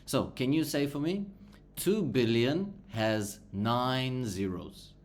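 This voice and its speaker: Over a video call, a Bulgarian-speaking English tutor gives a patient one-on-one lesson online. Her mid-range voice is expressive as she speaks slowly and encouragingly, repeating words and spelling them out.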